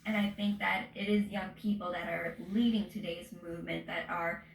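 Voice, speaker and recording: A woman's voice: on the low side, fairly even intonation, moderate pace, creaky, a little hiss or hum. Brief: woman, 21, student activist, determined, echoey room. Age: 20s. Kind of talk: news interview statement. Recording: roomy audio.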